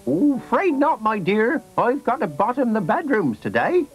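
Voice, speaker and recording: A man's voice: very high voice, very animated, normal speed, pitched above the performer's own voice. A man voicing a bossy but fond old grandmother in a children's radio story. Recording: faint music behind.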